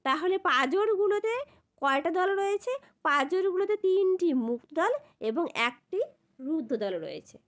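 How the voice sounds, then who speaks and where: Lively high-voiced woman teaching a lesson. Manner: repeats a checking question at the end of each point; spells out syllables slowly. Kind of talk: classroom grammar lesson.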